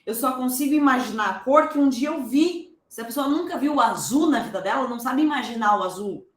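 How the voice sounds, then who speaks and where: A woman's voice: high-pitched, lively intonation, a little fast, echoey room. A woman teaching a public speaking masterclass in a casual, slangy way, driving points home with repeated examples. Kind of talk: masterclass lecture.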